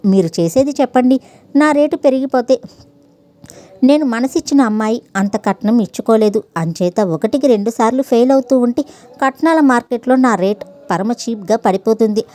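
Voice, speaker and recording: A cheeky young man who shrugs off his studies, told with teasing wryness, as a woman reads him aloud. The voice sits fairly high with a mellow, warm tone. It is a calm storybook reading. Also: natural voice. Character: young male student, cheeky and carefree.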